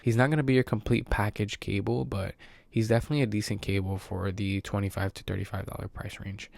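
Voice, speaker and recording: A man's voice: lowish voice, vocal fry, dry recording. A man casually reviewing an action figure, sounding congested and breathing heavily from allergies, in a laid-back way with many fillers.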